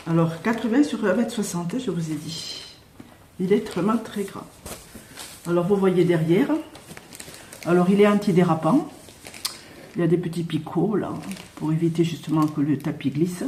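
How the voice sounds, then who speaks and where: A woman, unboxing her haul in a casual chat, pausing often with fillers and speaking a little loudly on purpose. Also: on the low side, reverberant, a little hiss or hum. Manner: hesitant, many filler pauses. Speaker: unboxing vlogger.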